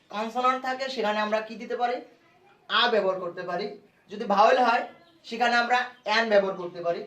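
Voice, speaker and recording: High-voiced man teaching grammar in an echoey room. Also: a bit bright. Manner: repetitive, step-by-step explaining. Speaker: English grammar tutor. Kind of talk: explaining grammar at a board. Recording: echoey room, voice from far off the mic.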